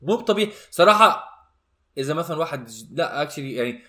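A man's voice: fairly high pitch, lively intonation, quick pace, sharp tone. A man with a Levantine Arabic accent, chatting casually and switching between Arabic and English.

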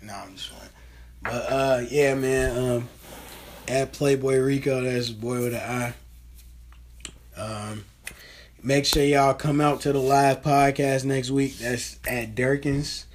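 A man's voice: mid-range voice, little pitch movement, slow pace, a little hiss or hum. A man hosting a casual podcast, talking loosely and profanely with lots of fillers. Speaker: podcast host.

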